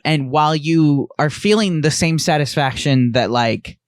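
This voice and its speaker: A man's voice: a little high, unhurried, clean tone, dry recording, studio quality. A man co-hosting a casual anime podcast, talking bluntly with casual swearing. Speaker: podcast co-host.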